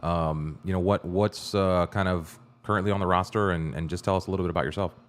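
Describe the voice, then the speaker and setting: Deep-voiced upbeat male podcast host. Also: steady tone, fast. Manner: upbeat, loose, greets chat viewers. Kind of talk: casual livestream podcast hosting.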